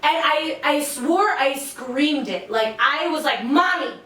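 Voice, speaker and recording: A young woman co-hosting a podcast tells a story in loose, animated chat, full of fillers and the odd curse. Her voice sits high and bright. She sounds set back from the mic in a very echoey room. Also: slow, recorded from a distance. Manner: animated, swears freely, many fillers. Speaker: podcast co-host.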